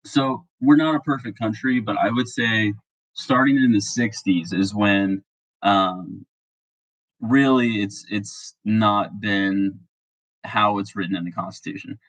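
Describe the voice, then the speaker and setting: A man who is sick, talking a bit monotone in a rambling, casual monologue full of fillers and restarts. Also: lowish voice, takes it slowly, low-quality recording. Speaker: political commentary vlogger.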